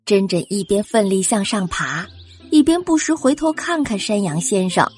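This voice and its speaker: A woman narrating a children's story, gently speaking to young listeners. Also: mid-range voice, lively intonation, normal speed, husky, faint music behind. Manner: gentle, addresses children directly.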